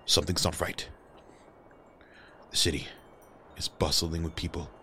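A man voicing an older male martial arts master, speaking low, hushed and earnest in a tabletop game. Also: little pitch movement, a little slow, a little hiss or hum. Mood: urgent.

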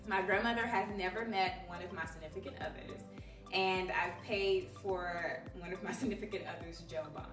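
A woman's voice: lowish voice, normal speed, reverberant, distant mic, over music. Giggly woman from Texas on a panel. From Dallas, Texas. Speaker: panel guest.

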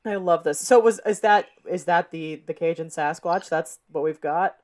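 A young American woman co-hosts a podcast, chatting at a normal speed in a relaxed, lively manner. Her voice is slightly low, she laughs readily, and she swears offhandedly.

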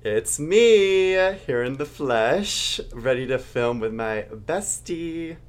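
A young man with a mid-pitched voice chats casually as a podcast co-host. His delivery is campy and gushing, full of slang and stretched-out words. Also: expressive, slow. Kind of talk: casual chat.

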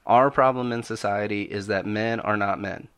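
A man's voice: fairly low pitch, fairly even intonation, moderate pace, fairly bright tone, clear, resonant tone. Emphatic American man hosting a podcast. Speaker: podcast host.

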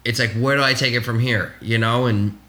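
Foul-mouthed young man with a bright voice. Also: medium pitch, steady tone, brisk. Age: 20s. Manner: profane, rambling and candid. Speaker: podcast co-host. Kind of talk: casual podcast chat.

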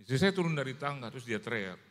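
Animated male pastor in an echoing church. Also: medium pitch, very fast. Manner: animated, humorous storytelling with acted-out voices. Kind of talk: sermon. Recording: long church hall reverb.

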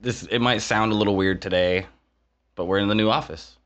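A man's voice: on the low side, fairly even intonation, a little fast, fairly bright tone, highs cut off. A man co-hosting a casual podcast from a new office, laid-back, laughing and profane. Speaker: co-host and streamer. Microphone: desk mic without boom arm.

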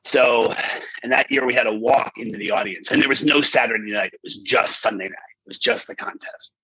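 A man in his fifties, an animated storyteller in a conversational interview, who acts out quotes with big jumps in pitch. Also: brisk, breathy edge, no room sound, low-quality recording. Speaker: guest.

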